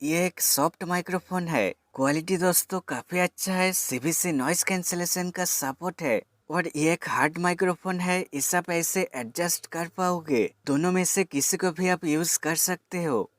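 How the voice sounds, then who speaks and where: This man's voice is high and slightly bright, with no echo. He's presenting a tech product demo, walking viewers through it step by step like a teacher and talking to them as friends in a how-to voice-over.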